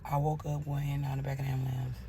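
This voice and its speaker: A woman's voice: rumbling low, little pitch movement, quick pace, background noise. A woman telling a personal story in a blunt, profane way, acting out her own angry outbursts as she goes.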